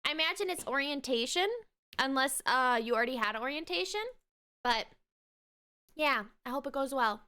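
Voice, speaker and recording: A young woman streams live, chatting casually and turning now and then to her dog. Her voice sits high and bright. She lets her words unhurry, with a lively, swooping melody. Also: moderate pace, long pauses, clean tone.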